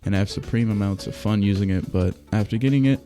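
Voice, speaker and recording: Low, mellow-voiced man giving blunt game critique. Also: quick pace. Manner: blunt, critical, casual slang with swearing. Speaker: video game reviewer. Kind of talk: opinionated video review commentary. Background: music behind the voice.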